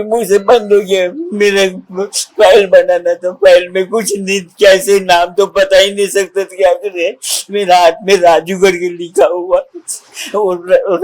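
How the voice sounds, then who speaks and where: An older man from central India, an old age home resident, telling his own life story in a halting, simple way with many repetitions. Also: high voice, rough recording. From Nagpur, India. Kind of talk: personal testimony in an interview.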